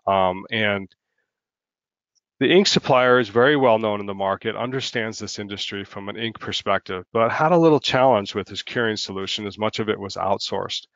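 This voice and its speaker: A marketing head presenting a business webinar, talking quickly with many ums and uhs. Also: male voice, fairly bright tone, no room sound, highs cut off. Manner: fast, filler-heavy business pitch.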